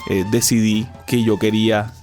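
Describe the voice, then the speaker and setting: A Colombian man, a musician guest in an interview, telling his story in a relaxed, hesitant way with many fillers and restarts. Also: fairly low pitch, moderate pace, over music.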